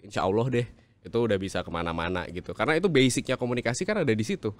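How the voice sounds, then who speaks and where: A man talking as the guest in a casual interview on public speaking, animated and swinging his pitch widely for emphasis. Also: rapid-fire.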